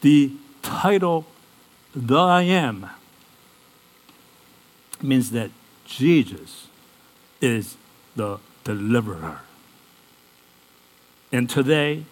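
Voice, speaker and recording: A man's voice: mid-range voice, poor audio. A man preaching a sermon. He keeps asking the congregation questions and acts out Bible characters in casual modern speech.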